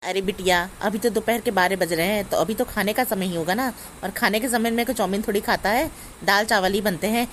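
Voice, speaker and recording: A woman's voice: mid-range voice, fairly quick, few pauses, a bit bright, slight background noise, close to an everyday voice. A woman playing a bossy, doting middle-aged mother-in-law who scolds her daughter-in-law in a family comedy skit. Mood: soothing. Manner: scolding, commanding.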